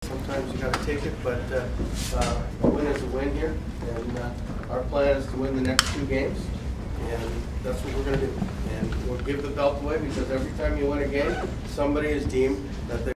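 A man's voice: medium pitch, level tone, recorded from a distance. Older male coach in a noisy, echoey locker room. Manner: halting, encouraging. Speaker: hockey head coach. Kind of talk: post-game locker room pep speech.

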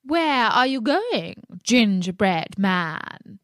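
A woman voicing a sly male fox who speaks slowly in a sharp, then feigned feeble voice. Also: mid-range voice, big pitch swings, no echo, studio quality, heavily acted.

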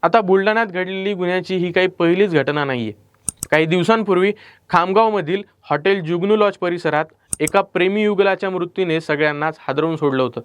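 Male crime-news narrator, Marathi accent, dramatic delivery, raised pitch, smooth resonant voice, dry close mic. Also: brisk, dry recording. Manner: dramatic storytelling delivery with rhetorical questions. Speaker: news presenter. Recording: clean dry studio voice-over.

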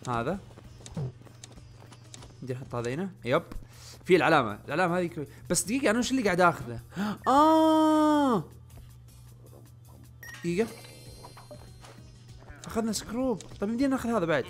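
Fast-talking young man gaming. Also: high-pitched, lively intonation, faint music behind. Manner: chatty, often muttering under his breath, bursts of panicked yelling. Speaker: gaming channel host. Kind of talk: casual let's-play commentary.

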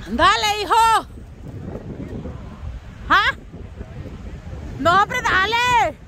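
A woman vlogging outdoors in the snow, shouting encouragement, laughing and teasing her family. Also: very high-pitched, animated, extremely slow, slight background noise. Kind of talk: casual outdoor vlog chatter.

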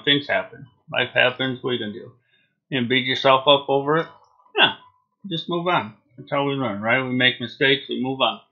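Male reviewer, 40s, middle-pitched, slow, easygoing and halting delivery, muffled lo-fi home recording. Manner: laid-back, hesitant, trailing phrases. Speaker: product reviewer. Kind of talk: casual unscripted video review. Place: small home room, indoors. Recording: dull lo-fi webcam sound.

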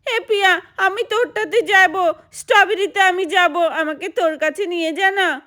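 A woman's voice: very high-pitched, moderate pace, bright, forceful tone, pitched above the performer's own voice. A woman voicing a tearful little girl who pleads to ride with her friend in a doll story. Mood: pleading.

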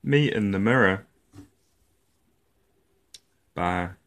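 A man with a voice that sits low reads a picture book for young children. His storytelling is expressive, his phrasing playful and carefully deliberate.

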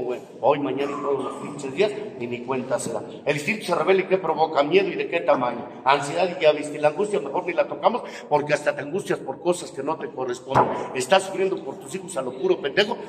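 A man with a Mexican accent giving a blunt, profane, scolding motivational talk to a recovery group, with bursts of loud emphasis. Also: fairly high pitch, quick pace, hardly any pauses, big-room sound, crowd noise, poor audio.

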